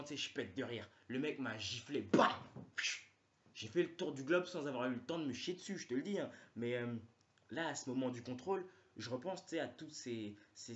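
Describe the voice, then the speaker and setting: A man's voice: medium pitch, highs cut off. A man doing a stand-up comedy monologue, rambling and slangy, with many fillers.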